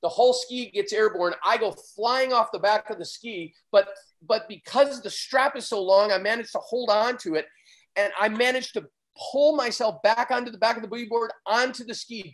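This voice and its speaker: A man, a surf photographer, telling an excited, vivid story as a guest in a conversation, often getting loud. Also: high voice, normal speed, poor audio.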